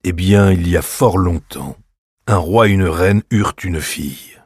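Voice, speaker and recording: A man voicing a kindly, playful uncle who tells tales in a hushed, confiding way in a storybook reading. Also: low-pitched, measured pace, husky, no room sound, clean studio sound, exaggerated voice.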